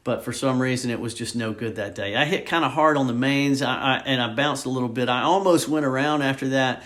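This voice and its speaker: A man's voice: medium pitch, brisk. A man giving a casual, informal narration as a student pilot recounting a flight, with slightly hesitant phrasing. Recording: steady loud aircraft engine and cabin noise. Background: aircraft engine drone and vehicle ambience.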